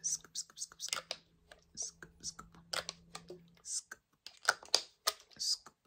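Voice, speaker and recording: A woman softly talking and whispering in a breathy voice as an ASMR host. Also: very slow. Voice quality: breathy whisper mixed with soft low voice. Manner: soft, repetitive trigger words.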